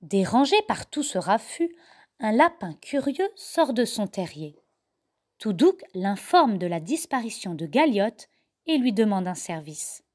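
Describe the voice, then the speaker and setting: A mother reading a children's story aloud in a slow, expressive storybook manner. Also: mid-range voice. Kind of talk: storybook narration.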